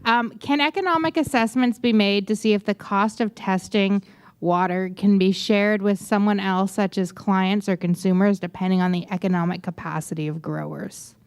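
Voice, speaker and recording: A woman's voice: mid-range voice, fairly even intonation, normal speed, smooth. Woman, reading audience question, plain delivery. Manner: light and laughing. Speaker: question reader.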